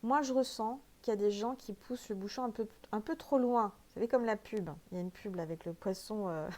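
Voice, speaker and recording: A woman's voice: medium pitch, a little fast, darkish tone. A woman with a French accent doing a casual spiritual oracle card reading, chatty and emphatic, with many fillers.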